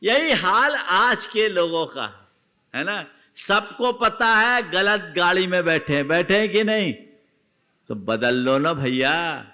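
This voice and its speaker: Slow, emphatic monk preaching. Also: male voice, high voice, big pitch swings, pushed and bright. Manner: emphatic, exhorting, storytelling. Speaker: Jain monk. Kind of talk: sermon.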